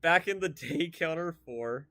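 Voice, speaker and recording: A man's voice: a little high, lively intonation, unhurried, pushed and bright, soft background music. A young man streaming a video game, chatting casually and rambling off into tangents with lots of fillers. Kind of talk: casual gameplay commentary.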